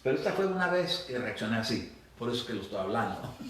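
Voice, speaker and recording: A man's voice: medium pitch, sing-song, fast talker, a bit bright, a little hiss or hum. A male pastor preaching a sermon, telling a personal story with hesitant restarts and acted quotes. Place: church hall. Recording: echoey hall, distant mic.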